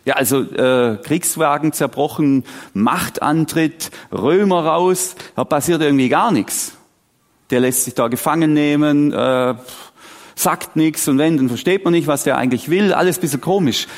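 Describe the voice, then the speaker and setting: A man, preaching a sermon with animated, dramatic storytelling and sudden drops to a quiet voice. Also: a little high. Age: 40s. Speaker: pastor.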